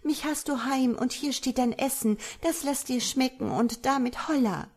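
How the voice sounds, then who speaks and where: An anxious, protective young woman from a storybook, played by a woman reader. She speaks high and urgently, with a slightly husky edge. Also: normal speed, darkish tone. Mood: brisk.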